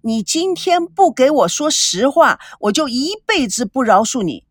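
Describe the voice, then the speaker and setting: Lady reading as a bossy young rich girl, high and sharp, dry close sound, scolding hard. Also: sing-song, moderate pace, no echo. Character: spoiled angry young rich woman interrogating. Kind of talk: audiobook character reading.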